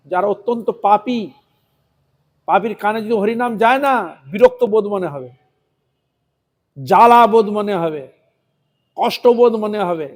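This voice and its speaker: A man's voice: high voice, darkish tone. A man giving a devotional sermon, asking rhetorical questions and repeating chanted words. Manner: repetitive chanting of words, rhetorical questions, slows to intone verses. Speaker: preacher.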